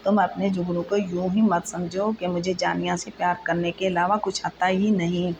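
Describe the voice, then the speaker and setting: A woman's voice: lowish voice, moderate pace, close to an everyday voice, poor audio. A woman voicing a young man, a devoted husband who speaks tenderly and reassures his wife. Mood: reassuring. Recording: steady background noise.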